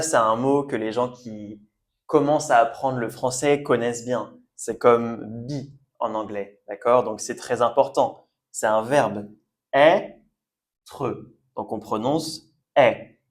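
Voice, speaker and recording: A man's voice: mid-range voice, a little slow. A man giving a French language lesson, patiently repeating sounds and words and often checking that learners follow. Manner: checks understanding with "d'accord?". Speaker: French teacher.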